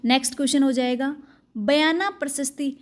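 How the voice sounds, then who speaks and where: A young woman teacher with a high voice runs through an exam-prep quiz lesson at a fast, brisk clip. She reads out a question, then answers it herself in a clear, drilling manner.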